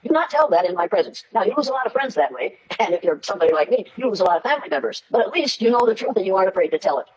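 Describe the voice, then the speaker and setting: A woman's voice: mid-range voice, sing-song, very fast, few pauses, a little mellow, muffled recording. Blunt, commanding older American woman lecturing. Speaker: educator and public speaker. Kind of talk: lecture to an audience.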